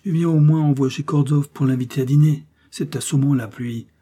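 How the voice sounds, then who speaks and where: A man's voice: on the high side, steady tone, a little fast, warm tone, husky, voice pushed up. Roubine, a drowsy, indulgent old prince, read by a man. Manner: sleepy and plaintive.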